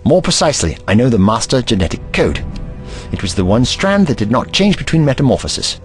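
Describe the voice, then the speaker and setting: A man acts out an earnest, eccentric alien hero of an audio drama. He speaks in formal, precise phrases with a very lively, theatrical melody at a medium pitch. Some music runs beneath the voice. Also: fairly quick, lightly acted. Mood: confident. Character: clever, eccentric alien Time Lord hero, male, earnest.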